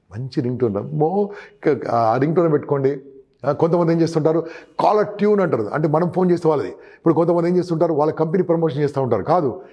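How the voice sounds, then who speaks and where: A sales trainer appears as an interview guest, giving emphatic sales advice, often calling the listener "boss" and acting out exchanges with customers. His voice is a little high with a dark tone.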